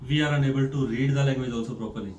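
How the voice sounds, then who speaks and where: A man from India with an Indian accent, a school principal giving a classroom lecture, slow and deliberate, repeating points and asking rhetorical questions. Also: mid-range voice, a little mellow. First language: Hindi. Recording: echoey room, mic far off.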